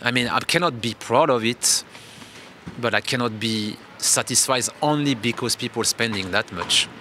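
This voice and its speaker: French guy talking english outside, bright forceful voice, faint traffic behind, thinks out loud n restarts a lot. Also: medium pitch, moderate pace. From France. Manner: reflective, loose phrasing with frequent restarts. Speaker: interview guest. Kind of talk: casual interview talk.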